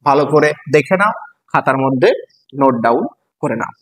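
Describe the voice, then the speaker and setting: Husky Bengali teacher explaining a poem. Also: male voice, medium pitch, animated, moderate pace, fairly bright tone, low-quality recording. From West Bengal. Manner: spells words letter by letter, asks students questions.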